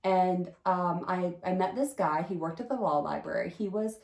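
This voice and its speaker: A woman's voice: lowish voice, fairly even intonation, normal speed, vocal fry, darkish tone. A woman casually telling a personal story, talking emphatically with lots of fillers and restarts. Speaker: storyteller sharing a personal experience. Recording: roomy echo.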